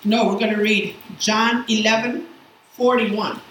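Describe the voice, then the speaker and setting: A woman teaching a Bible class in a casual, lively way, asking her students questions as she goes. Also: mid-range voice, unhurried. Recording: echoey room, faint background noise.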